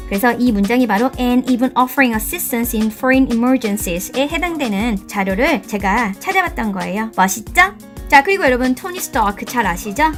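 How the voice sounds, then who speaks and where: A Korean woman with a slightly high voice runs an English lesson. She reads each phrase slowly and carefully, then breaks it down. Soft music plays faintly behind her. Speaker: English teacher.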